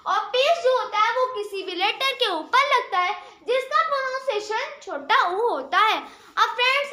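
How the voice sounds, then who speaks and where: A woman teaching the Urdu script, who asks questions and answers them herself, repeats key sounds slowly and mixes English words into her Hindi. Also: very high voice, bright, forceful tone, reverberant. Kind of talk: spoken tutorial explaining Urdu script.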